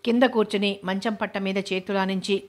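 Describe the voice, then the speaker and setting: Woman reader for a serialized novel, flat steady delivery, medium pitch. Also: fairly quick. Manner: steady, even narration. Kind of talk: reading a novel aloud.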